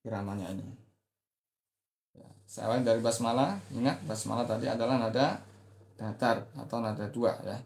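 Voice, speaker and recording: Seorang pria guru mengaji yang menjelaskan pola nada dengan tenang lalu melantunkan ayat secara panjang dan berirama, dengan logat Indonesia. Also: male voice, mid-range voice, vocal fry, roomy sound, a little hiss or hum. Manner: calm explanation, asks for attention, then drawn-out melodic chanting. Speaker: Quran recitation teacher. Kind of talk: online Quran reading lesson.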